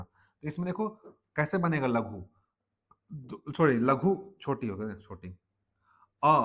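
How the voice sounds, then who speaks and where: A male teacher with a Chhattisgarhi Hindi accent, giving a classroom grammar lecture and constantly asking his students questions. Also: on the high side.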